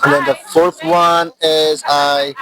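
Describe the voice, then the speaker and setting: A young man from Afghanistan answers questions in a relaxed, joking manner, pausing on fillers. His somewhat high voice sits a little back from the mic, with clear crowd chatter around. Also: rough recording. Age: young adult. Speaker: student being interviewed. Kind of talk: casual chat.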